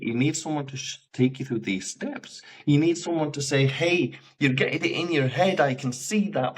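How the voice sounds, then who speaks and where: A man's voice: medium pitch, poor audio. An English man, a life coach, telling stories in casual conversation, acting out the dialogue. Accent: British English. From England. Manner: animated, acts out quoted dialogue with laughs. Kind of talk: conversational storytelling.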